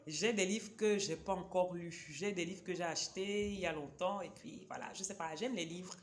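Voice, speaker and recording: A woman with a lowish voice speaks at normal speed, with a faint hiss or hum behind her. She is a chatty vlogger presenting books, digressive and direct with viewers, and her first language is a Cameroonian local language.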